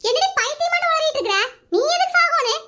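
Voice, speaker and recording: A performer voicing a chatty, dramatic village woman in an animated cartoon, scolding and whining for comic effect. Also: very high-pitched, quick pace, background noise.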